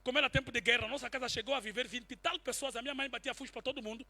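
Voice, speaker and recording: A man preaching a sermon and telling a personal testimony, swinging from quiet asides to shouted peaks. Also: very high-pitched, steady tone, racing. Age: adult, married since 2010.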